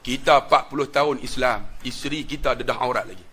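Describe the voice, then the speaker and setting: A middle-aged man with a Malaysian Malay accent preaching a sermon, telling a story dramatically and swinging between loud outbursts and hushed asides. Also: medium pitch, brisk, breathy edge.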